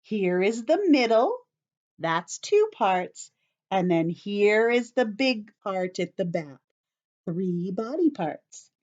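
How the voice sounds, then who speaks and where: Reading a picture book aloud at story time, a slow, expressive woman teaches young children, explaining as she goes and addressing them directly. Her mid-range voice uses simple short phrases and careful emphasis, and the recording is muffled.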